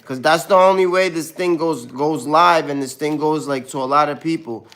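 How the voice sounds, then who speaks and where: A man in his thirties with a Brooklyn, New York accent talks through a casual live stream. His voice sits a little high, and his delivery is loose and rambling, with "bro" dropped into nearly every sentence. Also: moderate pace, fairly bright tone. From born in Ukraine, raised in Brooklyn, New York. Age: 30s. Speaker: livestreamer answering chat.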